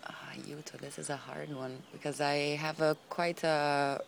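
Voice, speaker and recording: Interviewee, Italian woman, 29, very deep gravelly tone, slow and hesitant speech. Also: level tone, a little hiss or hum. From northern Italy. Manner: hesitant, searching for words. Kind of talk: casual interview answers.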